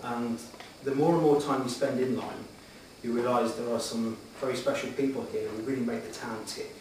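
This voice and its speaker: A man's voice: mid-range voice, fairly even intonation, normal speed, darkish tone. Earnest man in a very echoey hall. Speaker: job applicant answering interview questions. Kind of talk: formal interview answers before a room. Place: echoey meeting room, addressing the room. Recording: very echoey hall, distant mic, background noise.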